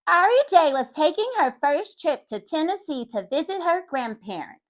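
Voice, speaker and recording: An animated woman reads a children's storybook aloud, speaking straight to her young audience. Her voice sits high and moves through a wide, lively pitch range. She sounds warm and expressive, like a children's storyteller. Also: moderate pace, over music. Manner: animated, talks to young listeners.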